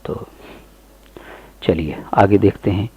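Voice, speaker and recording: A man with an Urdu accent giving a pronunciation lesson, saying each model word slowly and repeating it. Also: low-pitched, slightly rough, no room sound, narrow, tinny audio. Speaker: English teacher.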